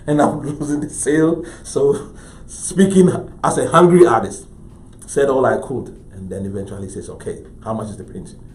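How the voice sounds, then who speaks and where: A middle-aged man from Ghana with a Ghanaian English accent, an artist telling anecdotes in an interview with animated delivery. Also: mid-range voice. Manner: animated, acts out voices in his story. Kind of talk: anecdotal storytelling. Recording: roomy echo.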